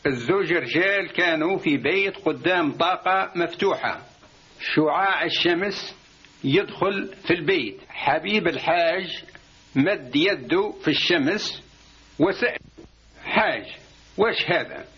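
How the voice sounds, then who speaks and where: A man with an Algerian Arabic accent, calmly telling a religious parable and explaining it as a narrator. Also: a little high, unhurried, breathy edge. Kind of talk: religious storytelling. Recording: dull lo-fi recording.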